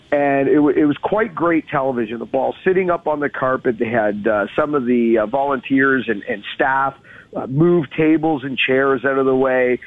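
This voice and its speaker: A male golf commentator with a slightly high voice comes through a narrow, phone-like radio line. He talks casually as a co-host, laying out shots in emphatic, piled-up detail. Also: no echo. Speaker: co-host of a golf talk show.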